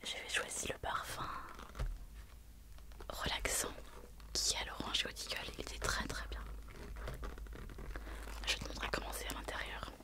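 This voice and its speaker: This ASMR creator has a head cold and speaks in a soft whisper as she shows and tells, with frequent pauses and plenty of filler words.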